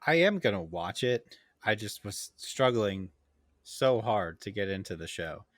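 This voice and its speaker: Easygoing man, podcast co-host, lowish voice, dry close sound. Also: expressive, a little slow, no echo. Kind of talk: casual chat.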